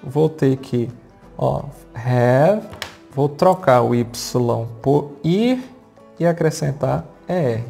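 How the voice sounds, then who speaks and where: A Brazilian-accented teacher walks a class through grammar at the board, patient and steady, often stopping to check that everyone is following. The voice is gravelly and mellow, and the key words come out slow and deliberate. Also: mid-range voice, soft background music. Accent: Brazilian Portuguese. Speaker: English teacher. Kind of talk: explaining grammar at a whiteboard.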